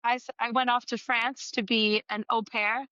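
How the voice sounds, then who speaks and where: A woman's voice: a little high, little pitch movement, normal speed, sharp tone, dry recording, lo-fi sound. A young woman from Argentina, a guest musician telling her story in a chatty, playful way over a video call. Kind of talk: casual interview chat.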